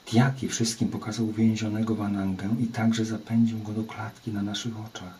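A man's voice: lowish voice, flat delivery, normal speed, dark tone, a little hiss or hum, lightly acted. Man voicing a terrified captive warrior. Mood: fearful pleading. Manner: pleading, fearful. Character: frightened captive male island warrior.

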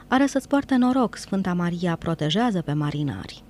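A woman voicing a gentle, earnest young woman speaking softly. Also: fairly low pitch, expressive, a little hiss or hum, lightly acted. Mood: tender.

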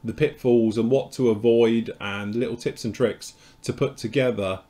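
A man's voice: mid-range voice, fairly even intonation, moderate pace, mellow. A man hosting a casual live show about model kits, talking in a loose, rambling, chatty way as he explains things. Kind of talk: casual live-stream chat.

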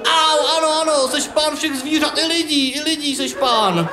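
A man voicing a whining, beaten young boy who yelps in pain in a high voice. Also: reverberant, background noise. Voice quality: high yelping whine.

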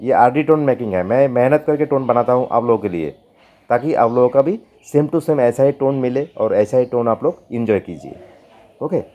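A man hosting a keyboard tutorial, talking slowly and repeating himself, pleading with viewers. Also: mid-range voice, animated, mellow. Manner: slow, repetitive, pleading.

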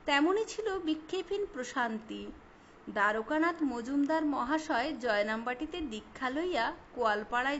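A woman reading a biography aloud in a measured, formal literary manner. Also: high-pitched, a bit bright. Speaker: reader. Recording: slightly dull recording with faint hiss.

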